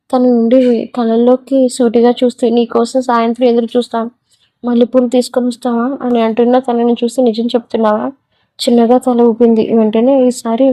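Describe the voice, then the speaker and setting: A woman narrating a romantic story in a mellow, somewhat high voice. She speaks every character's lines in the same steady, level tone rather than acting them out, and the recording is dry and close. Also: dry recording, poor audio.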